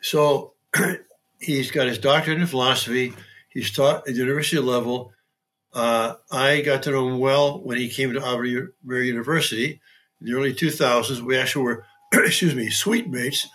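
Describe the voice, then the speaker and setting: Older male host, priest, chatty interview, dry humor, bright timbre. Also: mid-range voice, steady tone, normal speed. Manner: dry joking, frequent throat clearing. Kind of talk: conversational interview.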